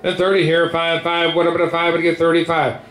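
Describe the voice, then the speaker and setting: A man's voice: on the high side, completely flat delivery, fast talker, a bit bright, faint music behind. Male auctioneer chanting bids, echoey room. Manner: repetitive patter with filler words between numbers. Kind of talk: rapid rhythmic auctioneer chant calling bids. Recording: echoey room with clear background noise.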